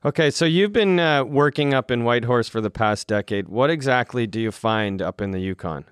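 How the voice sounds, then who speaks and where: A man's voice: medium pitch, expressive, a little fast, clean tone, dry recording, clean studio sound. A man presenting and interviewing as a radio show host. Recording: faint music behind.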